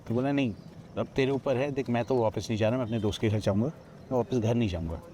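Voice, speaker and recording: A man's voice: medium pitch, quick pace, warm tone, a little hiss or hum. A man from Odisha, a podcast guest, retelling a personal ghost story with many quoted lines of dialogue, recorded outdoors at a riverside ghat. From Odisha, India.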